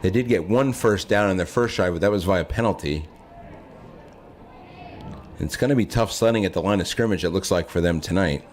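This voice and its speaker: A man giving conversational live play-by-play of a high school football game, as its announcer. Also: moderate pace, pauses often. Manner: conversational, corrects himself aloud. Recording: noisy live outdoor field broadcast.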